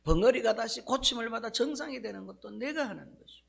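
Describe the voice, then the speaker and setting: A male pastor voicing God as a stern, booming father who scolds with loud rhetorical questions in a sermon story. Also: slow, vocal fry, husky, full character voice. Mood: angry scolding. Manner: shouting rebukes, rhetorical questions.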